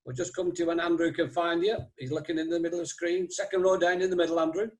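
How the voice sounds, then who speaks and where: Bloke running a quiz on a video call, kinda high voice, cracking jokes at everyone. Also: male voice, steady tone, quick pace, a little mellow. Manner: jokey, teasing quiz master. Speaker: quiz host.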